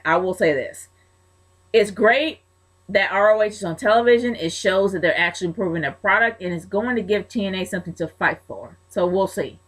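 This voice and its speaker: Female vlogger, mid-range pitch, casual and outspoken; answers viewer questions head-on. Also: fairly bright tone. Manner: frank and chatty, blunt opinions. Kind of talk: casual Q&A commentary.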